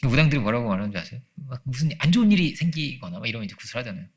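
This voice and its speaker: A pastor with a husky, mid-range voice preaches very fast with big swings in pitch during a conversational Sunday sermon. Standing in the church sanctuary, he throws rhetorical questions at the congregation, performs the voices he quotes, and laughs a lot.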